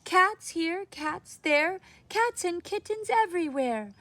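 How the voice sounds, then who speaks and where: Woman doing a fussy very old lady from a picture book, high and exclaiming. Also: expressive, slow, sharp tone, no echo, heavily acted. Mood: exasperated. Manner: exclaiming, fussing. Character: very old fretful storybook woman.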